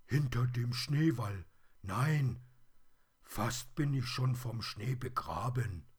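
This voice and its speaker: A man voicing a lonely, forgotten plush teddy bear in a storybook reading, with a high and plaintive manner. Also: animated, slow pace, husky, heavily acted. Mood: lamenting.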